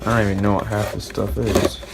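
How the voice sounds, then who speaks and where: A man hosting a casual tech video, thinking aloud as he unpacks old software and gets an old computer ready. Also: on the low side, little pitch movement, fairly quick, gravelly. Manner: rambling, hesitant, thinking aloud. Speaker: tech hobbyist host. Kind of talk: casual commentary while unboxing and building a PC. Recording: noisy home recording.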